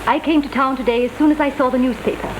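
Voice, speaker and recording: A woman's voice: high-pitched, steady tone, fast, natural voice. A woman playing a condescending middle-aged aristocratic English aunt, formal and clipped, in witty period banter from a 1930s drawing-room comedy. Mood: imperious, formal. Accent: upper-class English. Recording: noisy, hissing 1930s film soundtrack.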